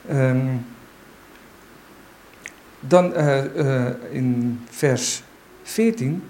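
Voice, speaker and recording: Lay male church speaker, mid-range voice, halting and unsure, faint background noise. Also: medium pitch, dark tone, poor audio. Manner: halting and unsure, searching for words. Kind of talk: informal church talk with Bible reading. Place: in front of a church gathering.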